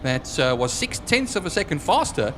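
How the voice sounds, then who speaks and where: Male race commentator with a high-pitched voice, live motorsport calls, clear vehicle noise behind him. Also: big pitch swings, normal speed, a bit bright.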